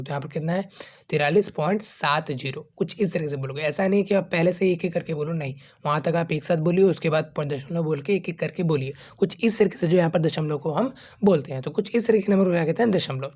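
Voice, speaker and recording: A man's voice: fairly high pitch, a little mellow. A man teaching a maths lesson to students, explaining step by step and asking and answering his own questions in a casual, friendly way. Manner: informal, calls students 'bachche' and 'bhai'. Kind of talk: classroom-style video lesson.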